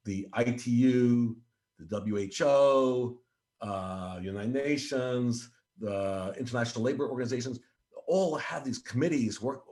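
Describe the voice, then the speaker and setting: Animated American man with restarts. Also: medium pitch. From Switzerland. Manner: animated, with frequent restarts and stammers. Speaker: presenting researcher. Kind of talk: conference Q&A answer.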